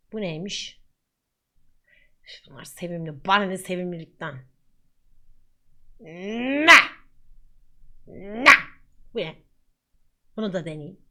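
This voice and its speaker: A woman's voice: mid-range voice, sharp tone. A woman streamer chatting playfully and giggling often during a casual live stream.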